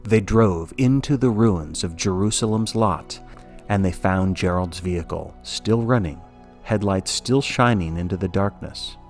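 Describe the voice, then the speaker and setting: A man with a very low voice tells a spooky story in a scripted, measured way, with a dry, wry edge. Quiet music plays softly under his narration. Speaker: podcast narrator.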